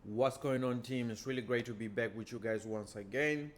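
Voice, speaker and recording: Slight background noise accompanies a man whose first language is Portuguese as he casually teaches trading, walking through charts at a moderate pace in a medium-pitched voice. His relaxed delivery relies on recurring stock phrases.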